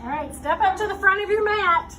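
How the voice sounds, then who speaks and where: Speaking in an extremely high voice, a little quickly and over music, a woman guides children through yoga with short, stepwise instructions and check-in questions. The mic sits far off, and the room is noticeably noisy.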